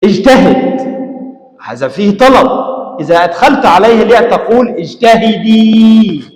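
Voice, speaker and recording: A man teaching a classroom grammar lesson, explaining step by step, asking his students questions and drilling examples slowly. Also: high voice, very animated. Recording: echoey hall with long reverb.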